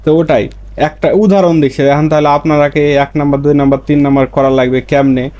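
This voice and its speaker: A man's voice: on the high side, flat delivery, fairly quick, darkish tone. A man teaching Korean grammar, explaining each word and then repeating it in his own language. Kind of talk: explaining lessons.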